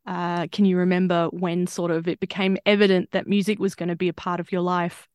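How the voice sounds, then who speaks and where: A female interviewer with a smooth, clear voice, asking curious and encouraging questions. Her sound is dry and close, and she pauses on filler words between phrases. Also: lowish voice, level tone, darkish tone, dry recording.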